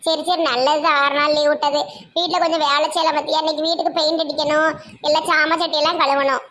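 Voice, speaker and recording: High bright bossy Tirunelveli woman. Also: little pitch movement, a little hiss or hum. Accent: Tirunelveli Tamil. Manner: scolding, bossy, rapid village slang. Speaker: comedy sketch performer playing a mother. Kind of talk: one-woman village comedy sketch.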